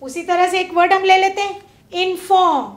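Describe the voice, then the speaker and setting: A woman teacher giving a classroom lesson, drawing out words slowly and putting questions to her pupils. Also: extremely high pitch, steady tone, reverberant. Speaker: English teacher. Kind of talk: classroom lesson on prefixes and suffixes. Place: broadcast studio classroom.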